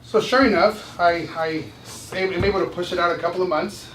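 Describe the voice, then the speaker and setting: A man with a fairly high voice tells stories to a small live group, animated and quick to laugh. He repeats himself for emphasis as he goes. He sounds far from the mic in an echoey room with steady noise behind. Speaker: motivational speaker and former boxer. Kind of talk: storytelling talk to a small group. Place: indoor room with a live audience.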